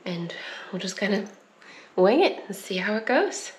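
In her echoey kitchen, with background noise and a wide camera set on the counter, a young homestead vlogger talks through her home cooking in an unhurried, very animated medium-pitched voice. She's chatty, laughs readily and coughs from pepper fumes.

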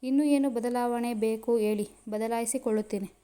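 A woman's voice: fairly high pitch, fairly even intonation, moderate pace, warm tone, smooth, natural voice. A woman reading a jealous young woman in love. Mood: indignant.

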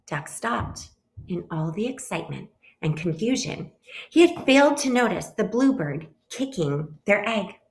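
A woman reading a picture book aloud to children as a teacher, gently stopping to ask them questions. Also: medium pitch, sing-song, unhurried. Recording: roomy echo.

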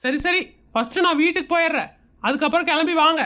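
A woman's voice: very high voice, quick pace, bright, forceful tone. A woman voicing a fussy, anxious young woman neighbour in a cartoon comedy.

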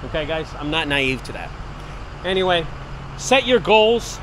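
A man's voice: fairly high pitch, big pitch swings, unhurried, a bit bright. Earnest man in his forties vlogging. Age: 40s. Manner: earnest, repetitive motivational pep talk. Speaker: business owner vlogger. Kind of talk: casual walk-and-talk vlog. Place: outdoors and in a large empty warehouse. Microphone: wireless earbud mic, handheld camera. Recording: faint outdoor noise.

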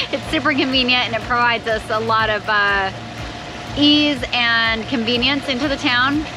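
Outdoors on a sailboat, a woman with a slightly high voice hosts a sailing vlog, chatting casually, giggling, and taking her time. The open-air recording picks up plenty of boat noise.

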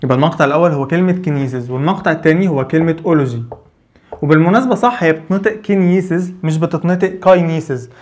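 Rapid-fire Egyptian man lecturing. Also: a little high, animated, darkish tone. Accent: Egyptian Arabic. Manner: rapid, repeats questions and answers them himself. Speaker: physical therapy lecturer. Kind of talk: lively explanatory lecture.

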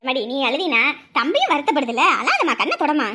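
A woman playing a fussy, warmly scolding mother figure in a family drama. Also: high-pitched, huge pitch swings, fairly quick, exaggerated voice. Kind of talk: dubbed family serial drama.

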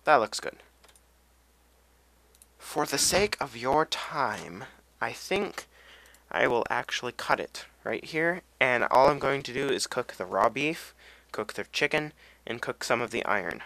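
A man's voice: mid-range voice, animated, a little slow, sharp tone, no echo. A young man giving casual, rambling commentary over a video game, humming and drifting off on tangents. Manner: rambling, goes off on tangents, hums and sings to himself. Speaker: gameplay commentator.

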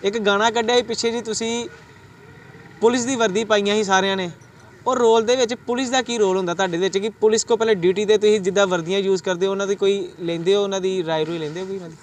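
A man's voice: sits high, steady tone, quick pace, slight background noise. A man interviewing a singer for a web news channel, eager and promotional, urging viewers on. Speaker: reporter, interviewer.

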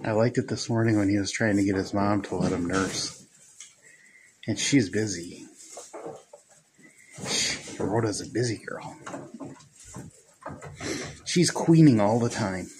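Guy rambling slow and easy to his phone camera in the goat barn, lots of barn noise around. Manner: slow, rambling, talks to his goats in high baby talk. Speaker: goat farmer vlogger. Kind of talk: casual chat to camera while filming his goats. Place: goat barn pen, indoors. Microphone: phone camera held by the speaker. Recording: noisy barn phone recording.

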